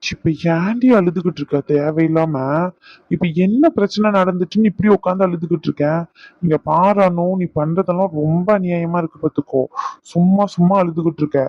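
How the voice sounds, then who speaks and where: A man's voice: high-pitched, no echo, highs cut off. A man voicing a hot-tempered young cartoon husband. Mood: sulky. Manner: blunt, quick to anger, then pleading. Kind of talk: cartoon voice acting.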